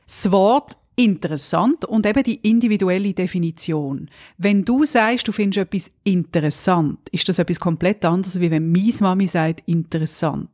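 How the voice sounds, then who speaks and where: A woman with a Swiss German accent co-hosts a podcast in casual conversation. She tells her stories in a lively way, with a gently ironic tone. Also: fairly low pitch, normal speed, no echo, clean studio sound. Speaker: podcast co-host.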